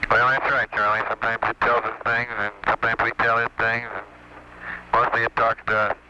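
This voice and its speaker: An astronaut speaking over a crackly headset radio link to ground control, measured, dry and level. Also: male voice, medium pitch, monotone, pushed and bright. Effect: crackly headset radio transmission. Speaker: astronaut in the spacecraft. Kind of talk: air-to-ground radio exchange. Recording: muffled radio link with static.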